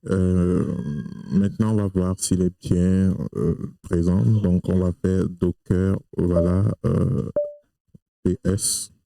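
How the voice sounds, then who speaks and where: A man with a very low, dark voice talks through a screen-recorded tech tutorial, full of fillers and restarts. He is not a native French speaker. His gravelly tone is recorded close on a desk mic in a dry room. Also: level tone, slow, no room sound, poor audio. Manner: hesitant, many fillers and restarts.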